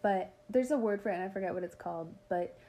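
A woman's voice: medium pitch, fast, mellow, soft background music. A woman co-hosting a podcast, chatting casually and rambling with lots of "like" as she explains her ideas. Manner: rambling, heavy use of "like". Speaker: podcast co-host. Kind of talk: casual chat.

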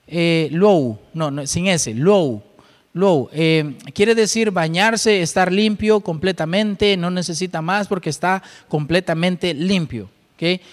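A man's voice: high voice, in a large hall. A man preaching a sermon, explaining scripture and asking his listeners rhetorical questions.

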